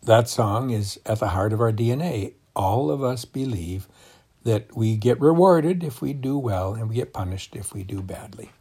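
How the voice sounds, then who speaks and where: A man's voice: mid-range voice, animated, normal speed, warm tone, breathy edge. A man co-hosting a daily devotional program, talking through scripture in a genial, preaching way. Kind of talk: devotional radio talk.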